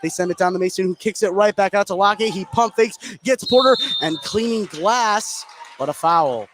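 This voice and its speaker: A high-pitched man at a moderate pace provides play-by-play for a live basketball game, following the action in short present-tense phrases. Game noise from the gym is clearly audible behind him.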